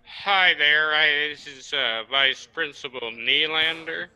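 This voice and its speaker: A man's voice: fairly high pitch, slow pace, background noise. A man voicing a jealous male vice principal who accuses and repeats himself suspiciously. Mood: menacing.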